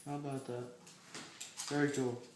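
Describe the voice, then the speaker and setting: A man's voice: medium pitch, level tone, moderate pace, slight background noise. Hesitant male interviewer in an echoey room. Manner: hesitant questioning with fillers and restarts. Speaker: interviewer, neighbor of the guest. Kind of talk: casual oral history interview.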